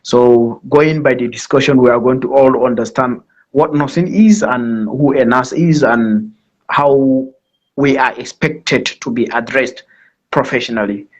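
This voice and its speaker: A man with a Nigerian accent, from Nigeria, speaks formally and a little slowly in a medium-pitched voice as a guest presenter on a live online talk. He explains with emphatic repetition, and the call audio is dull and lo-fi.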